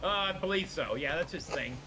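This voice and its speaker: A man's voice: a little high, animated, brisk. A man chatting eagerly in a casual game role-play. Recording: game voice chat with loud car noise.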